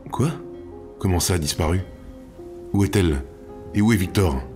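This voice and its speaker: A man voicing a kind, worried fisherman who speaks in anxious, halting phrases. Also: low voice, lively intonation, faint music behind, voice pushed up.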